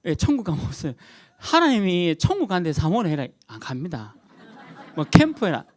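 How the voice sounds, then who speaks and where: A middle-aged male pastor preaching a sermon, emphatic and animated, repeating key words and chuckling at his own jokes. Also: sits high, brisk.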